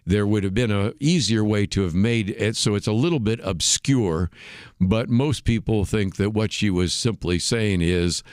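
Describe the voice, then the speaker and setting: A man hosting a radio talk show, explaining points in a measured way with frequent "uh" fillers. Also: fairly low pitch, darkish tone, clean tone, dry recording, clean studio sound. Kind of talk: unscripted radio commentary.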